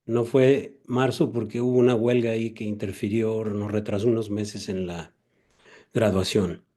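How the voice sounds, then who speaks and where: A man's voice: fairly low pitch, steady tone, normal speed, warm tone. An older man, recounting his veterinary career as an interview guest in a courteous, methodical way.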